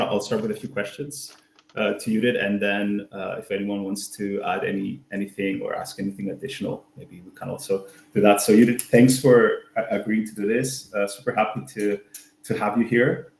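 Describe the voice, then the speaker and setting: A man's voice: lowish voice, flat delivery, moderate pace, gravelly, reverberant, poor audio. A man hosting an online user group meetup, talking casually with many fillers and restarts. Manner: friendly, full of fillers and restarts.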